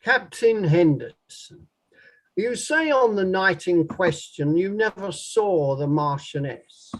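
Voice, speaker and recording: In a drama read-through, an actor plays a courtroom inquiry lawyer who presses a witness step by step with formal, measured questions. His middling pitch carries lively intonation, and the mood is formal and probing. The recording quality is low.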